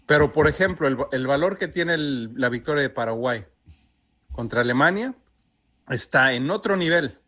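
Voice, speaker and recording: A man's voice: medium pitch, animated, moderate pace, pushed and bright. A man from Mexico, living abroad, sending a firm, critical voice message to a radio show. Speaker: listener in a voice message. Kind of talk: sent voice message about football.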